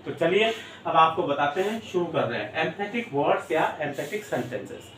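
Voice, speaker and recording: A man teaching an English grammar lesson, repeating example sentences slowly and word by word to drill them in. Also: on the high side, sing-song, a bit bright, slight background noise. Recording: echoey room, mic at a distance.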